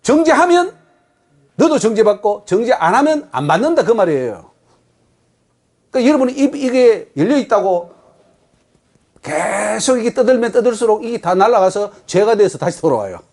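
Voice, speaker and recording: A man's voice: high-pitched, sing-song, normal speed, long pauses, a little mellow. A man with a Gyeongsang accent preaching a sermon as pastor, emphatic and putting rhetorical questions to the congregation. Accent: Gyeongsang Korean.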